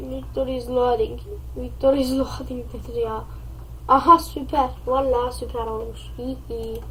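Nasal woman, high voice, crude joking game commentary, faint hum behind. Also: flat delivery, moderate pace. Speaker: gaming channel host. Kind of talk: gameplay commentary.

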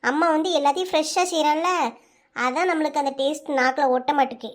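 A woman's voice: high voice, fast, natural voice. A woman doing a teasing know-it-all grandmother. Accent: southern Tamil Nadu Tamil. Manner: teasing, listing with relish.

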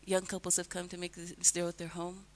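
An older American woman, appearing as a guest and local resident, answers radio interview questions calmly, earnestly and in a measured way. She speaks into a headset mic in a broadcast booth, her voice on the low side, with a faint hiss or hum.

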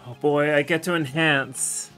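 A man with a slightly high voice streams a video game and talks over it in a casual, fed-up way. He swears nonstop and vents his frustration at the game. Faint game music plays behind him. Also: steady tone, measured pace, pushed and bright. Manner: frustrated, swears constantly, venting. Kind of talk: casual let's-play commentary.

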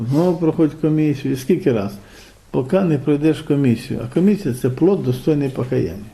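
A man's voice: on the high side, vocal fry, mellow. A middle-aged man with a Ukrainian accent, preaching a sermon in a conversational way, often tagging his points with rhetorical questions. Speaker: pastor.

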